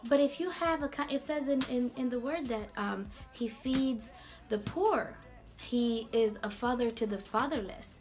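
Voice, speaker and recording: A woman hosting a casual Bible talk vlog in a chatty, slangy, animated way. Her voice is going hoarse. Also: a little high, measured pace, over music. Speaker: video host.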